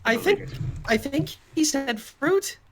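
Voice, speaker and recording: Brief: woman as a young angel boy, flustered and pleading, higher and very lively. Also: takes it slowly. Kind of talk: in-character fan voice acting Q&A.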